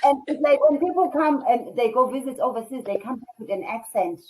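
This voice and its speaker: A woman's voice: fairly high pitch, expressive, brisk, noisy background. Chatty South African woman host. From KwaZulu-Natal, South Africa. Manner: chatty, reads out viewer comments. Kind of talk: casual interview.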